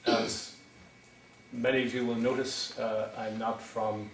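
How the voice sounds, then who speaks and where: A middle-aged Irish wind energy developer with a County Wexford accent speaks slowly in a mid-range voice with little pitch movement. His town meeting presentation is hesitant, full of ums and restarts. There's background noise, and the echoey hall was recorded from far away.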